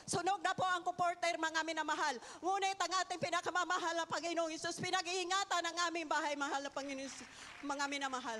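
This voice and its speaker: A woman's voice: sits high, pushed and bright. An older woman giving a fervent church testimony, constantly calling out to the congregation and punctuating her story with hallelujahs. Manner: fervent, repeats "mga minamahal" and hallelujah. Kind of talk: testimony in a worship service. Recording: long hall reverb.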